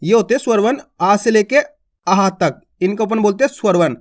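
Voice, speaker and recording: Male teacher, casual and friendly with viewers, patient, repeats each vowel slowly and clearly. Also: sits high. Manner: patient, repetitive, drawn-out vowel drills; addresses viewers as friends, colloquial. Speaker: Hindi teacher. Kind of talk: beginner alphabet lesson.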